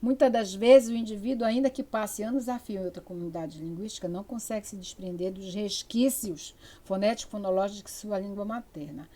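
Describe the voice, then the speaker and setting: A woman's voice: mid-range voice, fairly quick, hardly any pauses, mellow. Older Brazilian woman lecturing, chatty and digressive. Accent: Amazonas interior Brazilian Portuguese. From Amazonas, Brazil. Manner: chatty, digressive, many fillers and restarts. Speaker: university lecturer. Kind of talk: spoken lecture.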